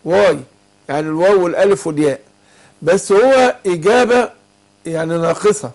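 An Egyptian man with a high voice teaches Quran recitation rules on a call-in lesson. He talks patiently and keeps prompting his student to complete each word. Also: brisk, darkish tone. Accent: Egyptian Arabic. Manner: patient, asks students to fill in words.

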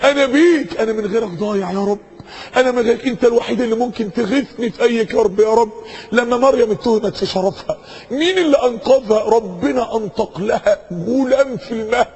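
A man with an Egyptian Arabic accent preaching a sermon, impassioned, rising to cries and slowing down for quotations. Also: very high-pitched, darkish tone, slight background noise, low-quality recording.

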